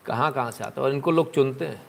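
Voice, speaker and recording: A man's voice: mid-range voice, quick pace, creaky, fairly bright tone. A man giving live political commentary on a stream, sarcastic and chatty, answering viewers' comments as he talks.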